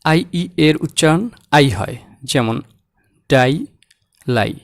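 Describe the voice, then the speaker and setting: A man teaching English pronunciation, saying example words slowly and repeating them. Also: mid-range voice, dry recording. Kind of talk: slow, deliberate language lesson.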